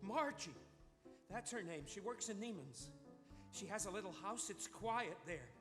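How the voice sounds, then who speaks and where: A man playing a tired middle-aged executive husband who talks in a measured, sardonic way, in a stage production. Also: high voice, expressive, fairly bright tone, faint music behind. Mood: bitter. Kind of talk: stage musical acting. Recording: theater stage with long reverb.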